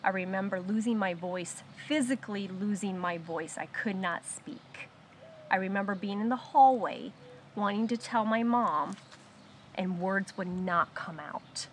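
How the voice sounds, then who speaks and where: In a support circle, a woman tells her own story of surviving abuse, halting and reflective, with pauses and restarts. She slows and softens when painful memories come up. Her voice is mid-range, with slight background noise.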